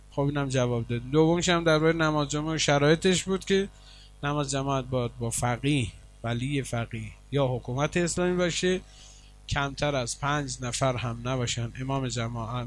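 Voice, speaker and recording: A man preacher giving a sermon, telling a story with animation, then calmly explaining religious rules as he answers questions. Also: fairly high pitch.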